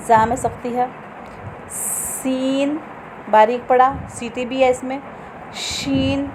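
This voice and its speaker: A woman's voice: fairly high pitch, mellow, slight background noise, rough recording. A woman teaching Quran reading to students, patiently explaining each letter and sounding it out. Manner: patient, explains slowly, often checks understanding. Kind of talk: tajweed lesson to students.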